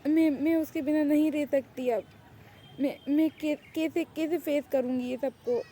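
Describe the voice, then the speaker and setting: A woman's voice: on the high side, steady tone, dark tone, a little hiss or hum, close to an everyday voice. A woman playing a young woman doctor who pleads and stammers anxiously, in an amateur fan drama. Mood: distraught.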